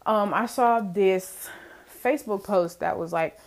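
A young woman with a mid-range voice keeps a measured pace as she hosts her own casual podcast, chatting to listeners with frequent laughter.

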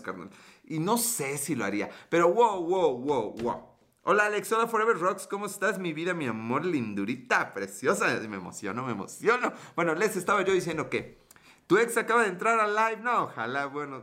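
Bright-voiced joking Mexican man. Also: fairly high pitch. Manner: joking, slangy, greets viewers by name. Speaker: livestream host. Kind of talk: casual livestream chat.

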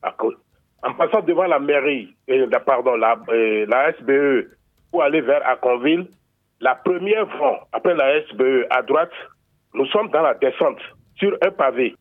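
Brief: man in a call-in caller role, heard over a telephone line, mid-pitched, formal and methodical, thin tinny phone sound. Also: moderate pace. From Benin. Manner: formal, methodical, lays out directions step by step with small hesitations. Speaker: radio call-in listener. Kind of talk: phoned-in complaint to a radio show. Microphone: telephone handset.

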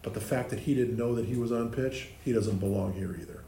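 A man's voice: mid-range voice, a little fast, creaky, warm tone, slight background noise. A man leading a group Bible study, explaining the text with restarts and questions to the group. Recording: echoey room with faint ambience.

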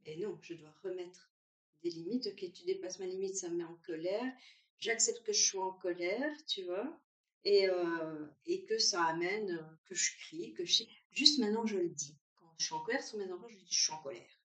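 A woman chatting at a brunch, lively, often acting out what others say. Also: fairly low pitch, moderate pace, recorded from a distance. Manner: animated, acts out what others say. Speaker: guest sharing her story. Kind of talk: casual chat. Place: room at a brunch. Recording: roomy sound, away from the mic.

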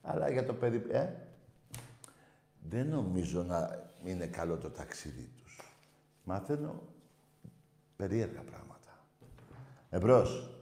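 A man's voice: deep voice, big pitch swings, gravelly, pauses often, mellow, echoey room. A man hosting a casual phone-in show, talking in a brash, profane way. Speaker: call-in show host.

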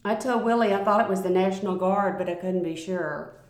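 A woman narrating a first-person story aloud in a calm, measured reading voice. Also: medium pitch. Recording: roomy, echoey recording.

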